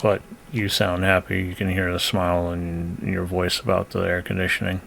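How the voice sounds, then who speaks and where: Gravelly low-voiced man co-hosting. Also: little pitch movement, moderate pace, fairly bright tone. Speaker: podcast co-host. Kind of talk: casual podcast chat.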